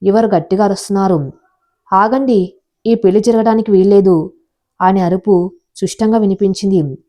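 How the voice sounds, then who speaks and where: A woman reading a scripted story in a steady, measured way. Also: mid-range voice. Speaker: narrator.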